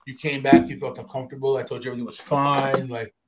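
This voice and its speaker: A man with a mid-range voice talks quickly, a crowd audible behind him. He's hosting a casual podcast, telling a profane, slang-heavy story with plenty of animation and slipping into mock voices and accents.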